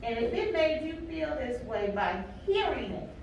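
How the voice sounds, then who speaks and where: High-voiced woman counselor, echoey hall. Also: sing-song, moderate pace, darkish tone, distant mic, dull audio, slight background noise. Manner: emphatic, asks the room questions and repeats key words. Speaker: counselor leading a teacher training. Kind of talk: workshop talk to a live audience. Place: large echoey room with an audience.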